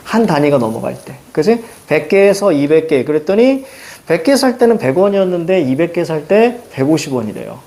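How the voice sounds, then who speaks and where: A middle-aged man teaching a reading lesson, quizzing students with quick questions and a repeated "now". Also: a little high, big pitch swings, warm tone. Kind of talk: recorded lecture explaining a reading passage.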